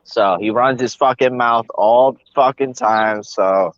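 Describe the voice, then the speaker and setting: A man's voice: mid-range voice, measured pace, clear, resonant tone, dry recording, highs cut off. A man hosting crude casual banter in an online voice chat, laughing and teasing with lots of swearing.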